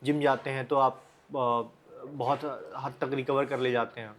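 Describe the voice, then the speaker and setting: An Indian advice vlogger speaks in a medium-pitched, level voice, a little slow, with slight background noise. He gives informal motivational advice straight to the listener, bluntly, using rhetorical questions and repeated phrases.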